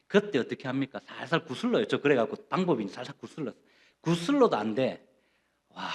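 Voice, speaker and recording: A middle-aged man preaching a sermon as pastor, telling homely personal stories in a lively, conversational way. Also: medium pitch. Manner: animated, with playful personal stories.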